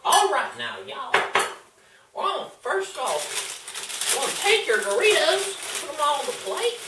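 Young man putting on a squeaky, hammy cooking-show host Floyd. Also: very animated, slow, full character voice. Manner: high squeaky put-on voice, hammy, drawls y'all and folks. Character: folksy, goofy male cooking-show host. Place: home kitchen, indoors. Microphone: camera across the room. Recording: echoey kitchen, far camera mic, faint noise.

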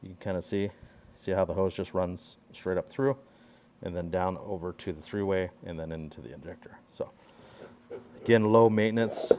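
Holding his phone, a man shows off the pressure washing skid he built in his workshop, giving a casual hands-on tour and explaining the details. The voice sits low and comes across a little mellow, with some slight noise in the background.

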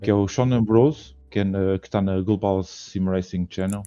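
Man, European Portuguese accent, hesitant, dark tone, monotone, muffled video call. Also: deep voice, normal speed, soft background music. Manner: hesitant, many fillers and restarts. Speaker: podcast guest. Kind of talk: casual chat.

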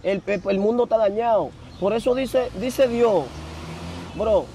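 A young man, telling his story as an interview guest in slangy, animated casual talk. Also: high voice, unhurried, a little hiss or hum. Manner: animated, slangy, repeats filler words.

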